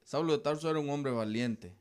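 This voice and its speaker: A man's voice: mid-range voice, fairly quick. Guy preaching on a bible radio show, emphatic, keeps repeating his points. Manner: emphatic, repeats key phrases, addresses listeners as brothers. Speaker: radio Bible program host.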